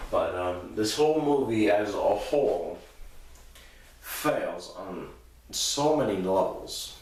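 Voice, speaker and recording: A man's voice: lowish voice, animated, takes it slowly, a little mellow. A man giving a casual, unscripted movie review, sounding drunk, crude and rambling as he loses his thread. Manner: crude, profane. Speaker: host of a movie review show. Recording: echoey room with background noise.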